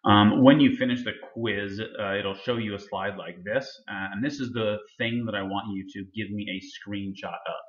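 A man's voice: on the low side, fairly even intonation, moderate pace, hardly any pauses, reverberant, muffled recording. A male instructor casually talking students through a lab assignment, with many fillers. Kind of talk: recorded lab walkthrough lecture.

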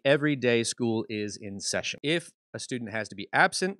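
A man's voice: mid-range voice, a bit bright, no room sound. Male school presenter, laid-back and joking, dry close sound. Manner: casual, jokey explainer. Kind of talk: school announcement video.

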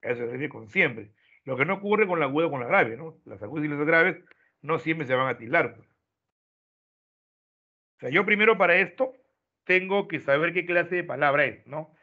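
A man teaching an online class, explaining step by step and ending his points with quick checks to his students. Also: a little high, expressive, bright, forceful tone. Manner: explains step by step, tags lines with "¿no?". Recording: tinny phone-like online audio.

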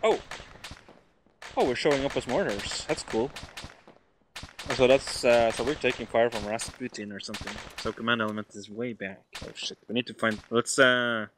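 A man in casual team chatter while playing a military shooter, excitable and prone to swearing. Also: medium pitch, moderate pace, noisy background. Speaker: video game player. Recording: gunfire and clicks behind voice. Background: game gunfire.

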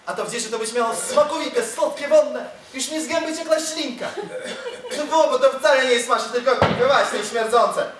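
A man's voice: very high voice, normal speed, background noise. A student actor playing a quarrelsome peasant gardener who complains about his cheated dowry, recorded from far off on an echoey stage. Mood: accusing. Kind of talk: stage comedy acting.

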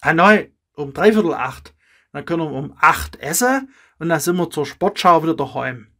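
A woman with a Swabian accent chats in a friendly way in a staged everyday conversation. Her voice is fairly low for a woman. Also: lively intonation, moderate pace, fairly bright tone. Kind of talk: acted dialect dialogue.

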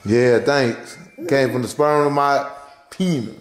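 A man's voice: medium pitch, takes it slowly, faint music behind. An American man in his thirties chatting casually for a vlog, laid-back and teasing. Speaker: vlogger behind the camera. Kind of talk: casual joking vlog chat. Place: moving car, later indoors at home. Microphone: handheld camera. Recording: car noise, handheld camera.

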